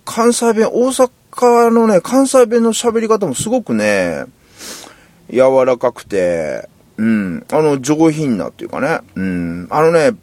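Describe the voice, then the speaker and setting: A man's voice: a little high, expressive, slow pace, darkish tone, no echo. A man with a Kansai accent hosting a solo podcast, talking in a rambling, candid and self-deprecating way. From Kansai, Japan. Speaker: podcast host. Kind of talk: casual solo podcast monologue.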